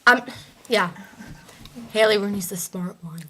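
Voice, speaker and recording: A young woman chatting casually with friends in a loud, playful, theatrical way. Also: medium pitch, unhurried. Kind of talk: casual chat among friends. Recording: noisy amateur home recording.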